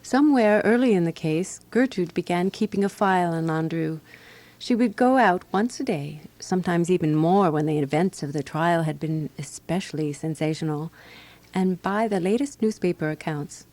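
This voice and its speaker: Lightly acted, her narration has a darkish tone, lively intonation and a moderate pace in a voice on the low side. She voices a wry 1920s Parisian resident looking back in a scripted first-person radio drama, prim, exact and dryly disapproving.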